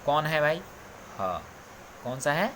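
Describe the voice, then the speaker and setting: A man's voice: on the high side, very animated, takes it slowly, a bit bright, a little hiss or hum. A man teaching a Hindi grammar lesson, reciting letter groups and filling his speech with frequent repeated check-ins. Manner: drilling, repeats "ठीक है" often. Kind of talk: recorded coaching lesson.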